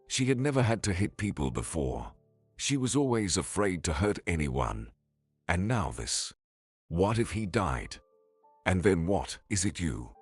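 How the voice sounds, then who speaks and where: A man reading a suspenseful family story aloud in an expressive, scripted narration. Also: low voice, husky. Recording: faint background music.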